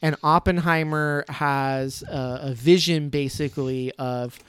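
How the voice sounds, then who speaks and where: A man co-hosts a film podcast, critical and blunt, swearing casually as he argues his view. His voice is smooth and a little high, recorded close and dry. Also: steady tone, a little slow, a bit bright, no room sound. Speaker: podcast co-host. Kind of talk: casual film review chat.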